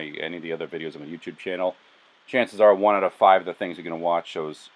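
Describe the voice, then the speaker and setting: A man with an extremely low, deep voice talks through a design sketch in a relaxed voice-over. His delivery is flat and monotone, casual and a little self-deprecating. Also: low-quality recording. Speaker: tree house builder narrating a sketch.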